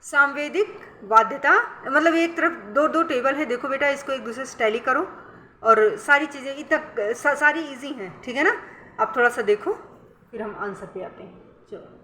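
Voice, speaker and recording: A high-voiced woman teaches an exam-prep lesson, slipping Indian-accented English terms into her talk. She coaxes her students and keeps checking that they follow. The sound is bright and sharp, in an echoey room with a faint hiss behind. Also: normal speed. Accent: Indian English words mixed into Hindi. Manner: coaxing, calls students beta, keeps asking "correct?".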